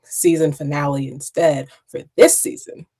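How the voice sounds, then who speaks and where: A woman hosting a casual interview over a video call, animated and chatty. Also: sits low, unhurried, a little hiss or hum. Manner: animated, chatty, laughs often. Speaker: podcast host.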